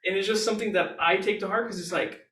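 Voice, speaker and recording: A man's voice: high voice, fairly even intonation, quick pace, a bit bright, far from the mic. A young man hosting a college radio interview, telling rambling stories full of fillers. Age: young adult. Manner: rambling, chatty storytelling with fillers. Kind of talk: casual interview chat. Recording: echoey room, a bit off mic, faint hiss.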